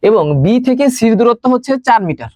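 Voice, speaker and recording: A young man teaching a live online science class, talking fast and chatty and mixing in English words. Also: extremely high pitch, very animated, mellow, no echo.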